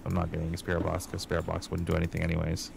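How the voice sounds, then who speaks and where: Gravelly low-voiced man murmuring game clues. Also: completely flat delivery, very fast, a little mellow, slight background noise. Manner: thinks aloud, working through clues in a low murmur. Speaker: gamer playing a ghost-hunting game. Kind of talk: casual gaming chat with friends.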